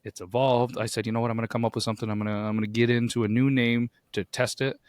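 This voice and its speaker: A man with a hoarse, grating voice from too much yelling, chatting casually as a podcast co-host. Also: medium pitch, level tone, very fast, no room sound, studio quality.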